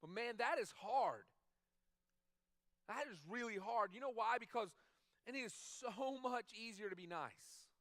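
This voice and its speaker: A man's voice: extremely high pitch, animated, measured pace, a bit bright, no room sound, clean studio sound. A man preaching a sermon as a pastor, talking conversationally and repeating phrases for emphasis. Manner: acts out quoted dialogue in other voices.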